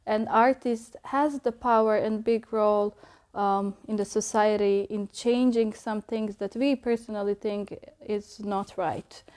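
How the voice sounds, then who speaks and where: A young woman from Bosnia, giving reflective interview answers about her art and pausing often to think. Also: mid-range voice, steady tone, a little mellow, clear, resonant tone. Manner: thoughtful, pausing often with ums.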